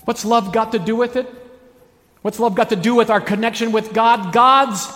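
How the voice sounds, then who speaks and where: Male pastor, high-pitched, preaching with theatrical emphasis and drawn-out key words in a long-reverb church hall. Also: fairly bright tone. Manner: dramatic emphatic delivery with stretched key words. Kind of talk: sermon.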